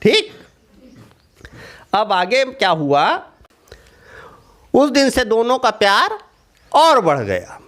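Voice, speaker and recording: A man telling a children's story in a strikingly high voice. He speaks slowly, with lively swings in pitch, and keeps asking his young listeners questions.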